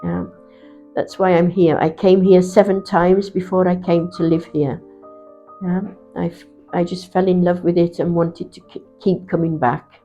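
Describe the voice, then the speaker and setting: A woman from England, telling why she lives where she does in an unhurried way, pausing with fillers. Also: on the low side, steady tone, dull audio, soft background music. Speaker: interviewee. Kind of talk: casual personal account.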